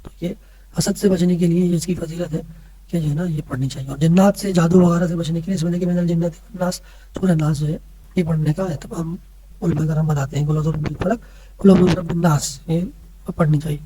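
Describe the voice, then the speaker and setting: A man's voice: on the high side, fairly even intonation, dark tone, a little hiss or hum, rough recording. A man teaching a religious lesson to children, patiently explaining and often checking that they follow. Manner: patient, keeps checking in with listeners.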